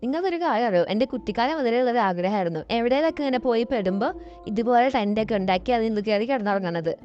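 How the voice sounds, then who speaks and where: A woman's voice: on the high side, expressive, fast, darkish tone, dull audio, soft background music, close to an everyday voice. A woman voicing a stubborn, playful young woman who pleads insistently.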